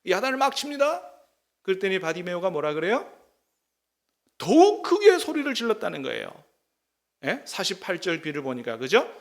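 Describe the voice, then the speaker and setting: A man's voice: high-pitched, wildly swooping pitch, normal speed, long pauses. A middle-aged male pastor preaching a sermon, emphatic and often putting questions to the congregation.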